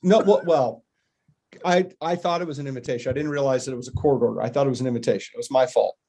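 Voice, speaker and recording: A man's voice: mid-range voice, quick pace, mellow. An American man hosting a podcast, chatting enthusiastically with a guest, joking and rambling. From United States. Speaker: podcast host. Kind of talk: casual chat.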